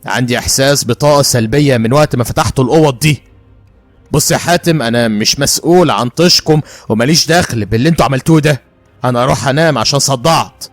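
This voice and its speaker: A stern, principled young Egyptian man who talks firmly and gravely, as a male narrator voices him. The voice sits at a middle pitch and is recorded dry and close to the mic. Faint music runs underneath. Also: fast, dry recording, lightly acted. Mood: uneasy. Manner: firm and serious.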